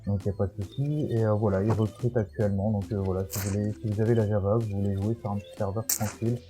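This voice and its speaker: His voice fairly low and even but quick, a gaming YouTuber with a stuffy cold talks through Minecraft gameplay. The commentary is casual and hesitant, packed with fillers and false starts over background music.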